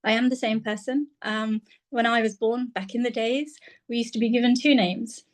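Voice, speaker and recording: A woman from Bangladesh speaking through a phone on a video call. Her voice sits a little high, and she talks in a reflective, hesitant way, pausing often with "um". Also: steady tone. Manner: warm, reflective, with many "um"s. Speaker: guest speaker, senior lecturer. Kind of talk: personal talk on a video call.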